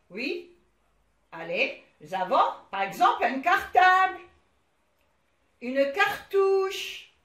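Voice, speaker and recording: A woman teaching young children to read, her voice high and her delivery very slow. She spells out letters and sounds one by one, pausing over each. The recording carries a roomy echo. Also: fairly bright tone. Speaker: primary school teacher. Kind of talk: recorded classroom lesson.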